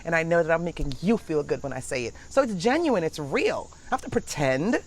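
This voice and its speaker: A woman's voice: low-pitched, expressive, a little fast, a little hiss or hum. A middle-aged woman hosting a casual motivational chat outdoors in a backyard, talking in a blunt, emphatic, preachy way. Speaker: livestream host.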